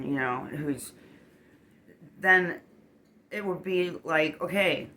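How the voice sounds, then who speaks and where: A bright, sharp-toned tarot reader talking casually to the camera, animated and rambling. Points are punched with a quick "boom" or "okay?", and the speaker gets emotionally worked up, with a faint hum of ambience underneath. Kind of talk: casual tarot reading monologue.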